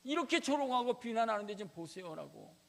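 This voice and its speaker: A man acting out a desperate king who pleads with God in tears, loud and drawn out. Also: very high-pitched, big pitch swings, fairly quick, voice pushed up, full character voice. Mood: pleading. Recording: reverberant church sanctuary.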